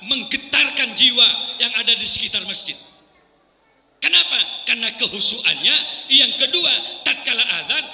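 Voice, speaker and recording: Bright-voiced preacher, echoing hall. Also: male voice, sits high, creaky. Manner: animated, sings call-to-prayer phrases as examples. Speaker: Islamic preacher. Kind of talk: sermon. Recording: echoey hall reverb.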